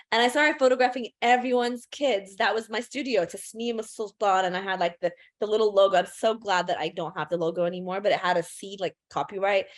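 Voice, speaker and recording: Chatty woman photographer giving a talk. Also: mid-range voice. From United States and United Kingdom. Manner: chatty, self-deprecating, many fillers and restarts. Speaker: photographer teaching a class. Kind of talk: casual presentation talk.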